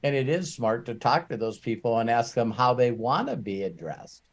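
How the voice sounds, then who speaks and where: A man's voice: medium pitch, big pitch swings, normal speed. A man hosting an interview podcast in casual chat, effusive and affirming, and laughing easily. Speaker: podcast host.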